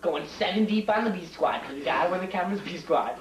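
A man's voice: sits high, fast talker, lightly acted. A young man doing a comic teacher impression of a petty, self-important, repetitive basketball coach. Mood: boastful. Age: young adult. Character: boastful, petty male high school basketball coach. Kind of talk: teacher impression, comedy skit. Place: home kitchen. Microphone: camcorder across the room. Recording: roomy, distant, hissy home camcorder.

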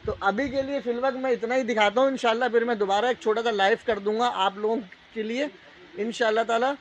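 A man with a Pakistani accent giving a casual, unscripted live sales pitch as a shop salesman, repeating prices and tag phrases. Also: steady tone, fast. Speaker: shop salesman hosting a live sale video. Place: indoor appliance store, walking the aisles. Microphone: handheld phone. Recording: dull lo-fi phone audio, shop noise.

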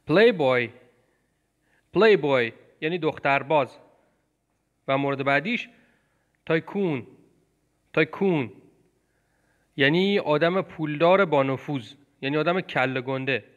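A man teaching English vocabulary, patiently repeating words and phrases slowly. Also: a little high, a bit bright. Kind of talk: language lesson explaining film clips.

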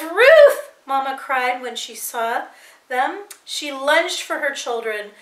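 A woman teacher reading a novel aloud to her students with expressive, dramatic storytelling. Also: fairly high pitch. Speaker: English teacher. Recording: echoey room.

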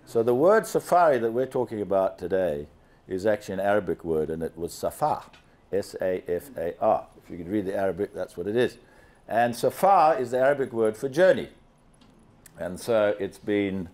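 In a large banquet hall, an older Zambian man speaks as guest speaker, presenting slides with animation to a seated crowd. His lowish voice comes through a handheld mic, and he keeps asking his listeners questions.

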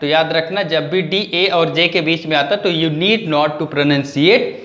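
A man's voice: on the high side, takes it slowly, a bit bright, reverberant. A man teaching a grammar lesson in a classroom, mixing Hindi with English and asking questions that he answers himself.

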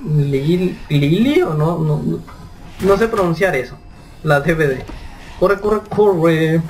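High-voiced Mexican gamer, joking. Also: male voice, lively intonation, measured pace, a little hiss or hum. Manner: joking, panicky "no, no, no" outbursts. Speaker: gameplay commentator. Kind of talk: let's play commentary. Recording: distant mic with loud game music. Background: game music.

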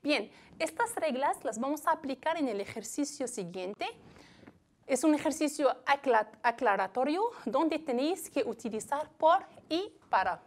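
A Spanish teacher from Morocco with a Moroccan accent, giving a recorded classroom lesson. She explains slowly, repeats her examples and asks the class questions. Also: high-pitched, animated.

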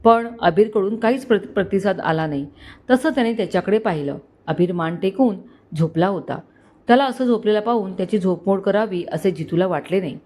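A woman storyteller reading a romance aloud, steady and expressive. Her voice sits at a middling pitch. She delivers it as scripted narration for an audio story channel. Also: fairly quick.

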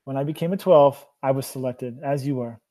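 A man voicing a tired old man who is a burdened mentor, speaking slowly and earnestly. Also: medium pitch, mellow, natural voice. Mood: weary.

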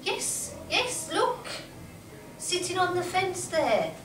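A woman's voice: extremely high pitch, wildly swooping pitch, slow pace, exaggerated voice. An older woman playing a confused, childlike, querulous elderly mother in a staged play reading. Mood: wistful, fixated. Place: small indoor stage. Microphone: far camera. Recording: echoey small theatre, distant mic, noisy.

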